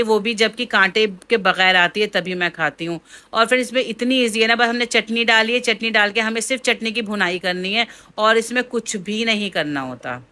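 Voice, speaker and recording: A young woman chatting casually to her viewers in a cooking vlog, addressing them warmly as friends. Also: medium pitch. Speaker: cooking vlogger.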